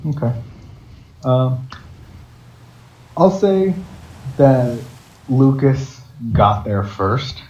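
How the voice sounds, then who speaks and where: A man's voice: mid-range voice, sing-song, drawn-out words, long pauses, a little mellow. A man narrating as game master of a tabletop game, hesitant and full of fillers, in a dull, echoey recording with background noise.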